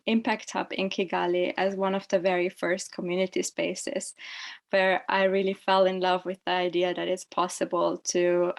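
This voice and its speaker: A woman from Austria introducing herself on an online panel over a video call, reflective and steady with some ums. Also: medium pitch.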